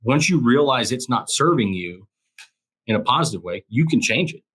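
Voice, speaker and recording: A man's voice: mid-range voice, animated, moderate pace, a bit bright, husky. A man, a former police officer and crisis coach, speaking as an interview guest in an emphatic way, often repeating phrases for emphasis. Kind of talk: casual interview conversation.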